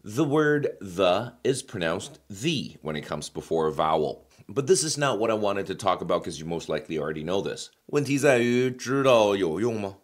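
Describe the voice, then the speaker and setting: A man's voice: on the low side, very animated, normal speed, hardly any pauses. A middle-aged man narrating a pronunciation lesson, joking with the viewer in playful asides. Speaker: English pronunciation teacher. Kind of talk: scripted lesson voice-over.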